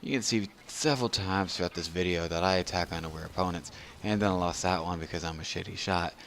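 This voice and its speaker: A man's voice: low voice, fast, a bit bright, slight background noise. A drunk man giving casual, rambling video game commentary as a tutorial narrator, losing his train of thought.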